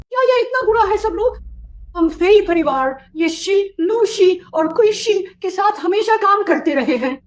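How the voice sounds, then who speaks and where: A woman voicing a haughty matriarch of a rich family who speaks fast and indignantly in a dubbed drama. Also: extremely high pitch, lively intonation, slight background noise. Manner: indignant, rapid.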